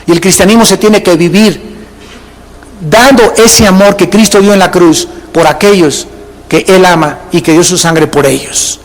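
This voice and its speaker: High-voiced male pastor, echoing church. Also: measured pace. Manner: preaching with emphatic repetition, acting out churchgoers' lines. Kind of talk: sermon. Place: large church. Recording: long hall reverb.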